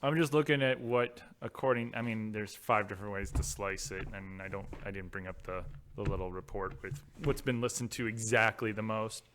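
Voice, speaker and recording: A man's voice: on the low side, a little fast, few pauses, fairly bright tone, a little hiss or hum. A man co-hosting a podcast in casual chat, dry and matter-of-fact, leaning on numbers. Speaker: podcast co-host.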